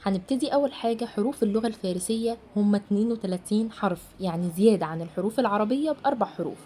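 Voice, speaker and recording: Woman, Egyptian accent, mellow voice, teaching pronunciation and repeating each sound with care. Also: mid-range voice, slight background noise. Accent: Egyptian Arabic. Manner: slow, carefully repeats each sound and example word. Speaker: Persian language teacher. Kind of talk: pronunciation lesson.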